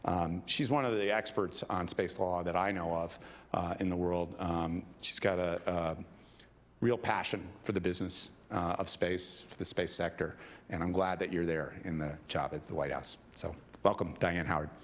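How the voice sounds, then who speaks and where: A deep-voiced man introduces the next speaker at a conference. He talks loosely, stumbling through fillers and restarts. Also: steady tone. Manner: halting, many fillers. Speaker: conference moderator. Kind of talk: casual introduction speech.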